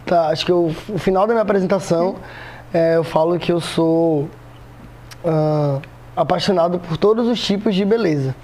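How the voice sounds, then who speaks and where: A young man in his twenties, a bit hoarse today, telling stories in an animated way as a podcast guest. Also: a little high, moderate pace, a little hiss or hum. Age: 20s. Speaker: guest, photographer. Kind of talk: casual podcast storytelling.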